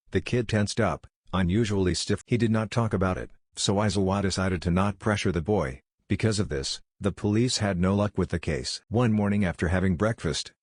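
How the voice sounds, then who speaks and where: A man narrating a fan story in an even, unhurried reading voice. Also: low voice, no room sound, studio quality. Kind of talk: slow scripted story narration.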